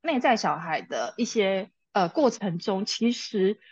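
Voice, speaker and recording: A mother appears as an interview guest, telling a personal story, laughing often, and quoting both herself and her child. Her mid-range voice is expressive and measured in pace, captured in a dry, lo-fi recording.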